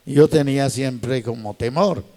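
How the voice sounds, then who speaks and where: A man's voice: medium pitch, moderate pace, warm tone, in a large hall. A male pastor, giving a fervent sermon testimony as a storytelling preacher.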